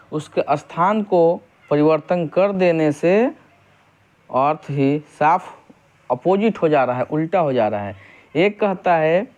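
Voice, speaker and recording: A man's voice: sits high, darkish tone, lo-fi sound. A man teaching a grammar lesson, explaining step by step, putting questions to the class and answering them himself. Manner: reads example sentences slowly and deliberately.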